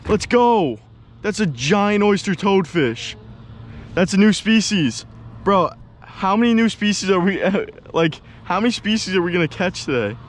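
A young man filming himself fishing from a kayak outdoors on an action camera, talking in excited slangy bursts. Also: sits high, measured pace. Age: young adult. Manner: hyped, slangy exclamations. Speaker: fishing vlogger. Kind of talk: excited casual chat on the water. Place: kayak on open water outdoors. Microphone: action camera on the boat. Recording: outdoor noise from wind and water.

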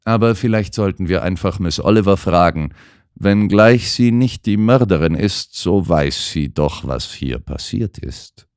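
Deep-voiced guy doing a calm sharp gentleman detective, slow and precise, dry audiobook sound. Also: clean tone, dry recording. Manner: measured, precise, explaining. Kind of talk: audiobook character voice.

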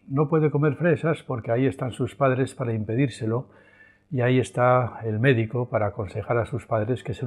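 Husky Spanish lecturer acting out examples. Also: male voice, mid-range voice. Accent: Spain Spanish. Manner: animated, acts out his examples. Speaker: philosophy lecturer.

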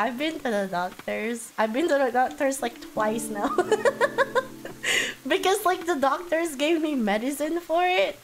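A woman live streamer chatting casually over a game, giggly and excitable, swearing freely, with a voice hoarse from being sick. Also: high voice, low-quality recording. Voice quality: hoarse, husky from illness. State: sick, coughing. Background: game music.

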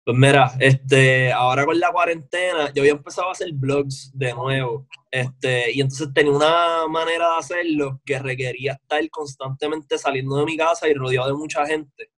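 A man, chatting as a guest in a relaxed, slangy way on a video call from his home music studio. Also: fairly high pitch, normal speed, few pauses. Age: 20s. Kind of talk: casual interview chat.

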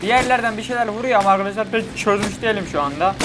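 A man giving chatty, excitable let's-play commentary to his viewers. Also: high-pitched, rapid-fire, music in the background. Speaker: gaming YouTuber. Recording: game audio and vehicle noise behind.

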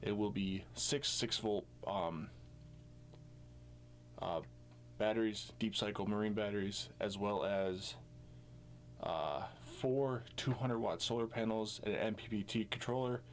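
On the low side and a little slow, this man's voice comes through a handheld camera mic with slight background noise. He's a vlogger in his thirties casually touring an RV, starting inside and ending on its roof outdoors, talking loosely with plenty of fillers.

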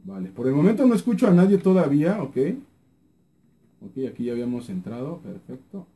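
A young Mexican man with a Mexican accent, commenting on his own gameplay, excitable, swearing freely and muttering repeated words under his breath. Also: on the high side, brisk. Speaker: gaming YouTuber.

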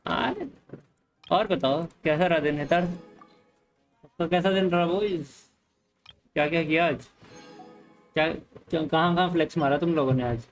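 A man with an Indian accent streaming a game live, talking casually with viewers, mixing Hindi and English and telling the chat to calm down. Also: fairly high pitch, moderate pace, pauses often, faint music behind, low-quality recording. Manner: easygoing, mixes Hindi and English, calms the chat. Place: home room, hot.

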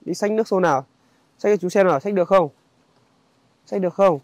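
A man's voice: sits high, a little mellow, no echo. Young man. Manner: halting, conversational, addresses viewers directly. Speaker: vlogger. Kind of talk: casual on-location narration to viewers. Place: outdoors in a highland village.

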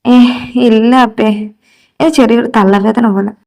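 A woman's voice: fairly high pitch, fairly even intonation, a little slow, gravelly, darkish tone. A woman voicing a stubborn young office worker who plays down her troubles to her father in a fan audio drama. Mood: reassuring.

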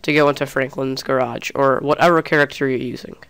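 A young man, somewhat sick and slightly off-voiced, chats casually through a screen-recorded gaming tutorial, frequently restarting. His medium-pitched voice is steady and brisk, gravelly yet fairly bright, with a clear, resonant tone.

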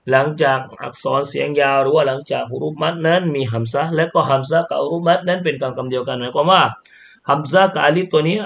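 A man teaches Quran reading, explaining each sound slowly before chanting the syllables louder and at a higher pitch. His voice has vocal fry.

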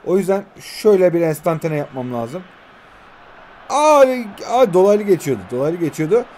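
A man in his twenties giving excitable live commentary on a mobile football game, full of slangy banter and sudden shouts. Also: on the high side, normal speed, slight background noise. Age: 20s.

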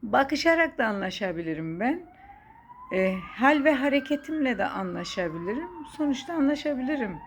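A woman's voice: high-pitched, very animated, fairly quick, a little hiss or hum. Chatty, playful middle-aged woman. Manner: chatty, playful, laughs often. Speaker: podcast host. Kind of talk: casual chat.

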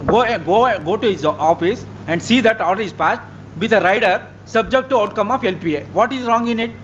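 A man's voice: high voice, a little fast, a bit bright. A middle-aged man with an Indian accent speaking as a judge in court, stern and insistent, questioning and giving orders. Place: large courtroom. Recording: muffled, noisy courtroom video stream.

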